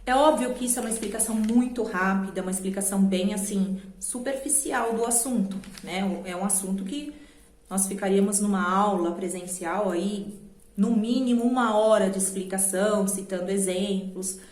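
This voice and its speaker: A woman with a Brazilian Portuguese accent teaching a children's grammar lesson, patiently slowing down to spell out letters and syllables. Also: medium pitch, darkish tone. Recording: echoey room.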